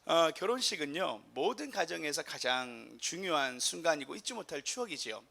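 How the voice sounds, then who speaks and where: A man's voice: a little high, very animated, moderate pace, creaky, sharp tone. A man preaching a sermon as pastor, in a humorous, chatty way with the congregation.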